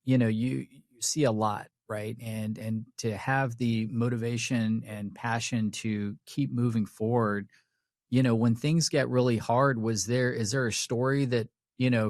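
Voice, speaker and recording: A man's voice: medium pitch, darkish tone, no room sound. Male interviewer, dry close sound. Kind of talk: conversational interview questioning.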